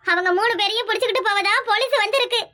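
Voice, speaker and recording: A scheming young daughter-in-law in a cartoon, voiced by a woman, sly and eager to stir trouble. She speaks fast in a very high, bright voice with a Kanyakumari Tamil accent. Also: dry recording. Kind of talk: cartoon voice acting.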